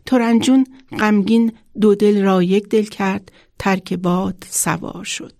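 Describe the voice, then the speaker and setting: A woman children's author reads her own story aloud in a measured, expressive way. Her mid-pitched voice has a slightly gravelly grain. The recording is close and dry, with no room sound. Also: no room sound.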